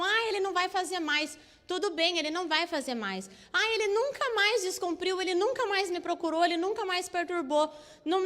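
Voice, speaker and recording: A woman's voice: sits high, sharp tone. A woman with a Brazilian Portuguese accent gives a public lecture as a social services worker, driving her points home by repeating them. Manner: emphatic, insistent, repeats key points. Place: lecture hall. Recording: echoey hall with long reverb.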